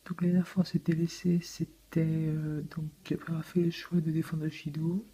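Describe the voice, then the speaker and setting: A man's voice: a little high, flat delivery, moderate pace, mellow, breathy edge, low-quality recording. A man doing casual, hesitant gameplay commentary as a let's play gamer.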